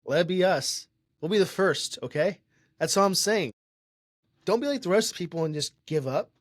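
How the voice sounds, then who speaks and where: A man's voice: high-pitched, animated, moderate pace, dry recording, clean studio sound. A young man co-hosting a tech podcast, talking in a chatty, opinionated, rambling way with frequent restarts. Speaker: podcast co-host. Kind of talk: casual tech podcast chat.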